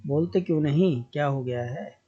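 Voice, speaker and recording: A man's voice: on the high side, moderate pace, warm tone, breathy edge. Scared humble commoner guy, anxious and pleading, read by a man storyteller, dull lo-fi.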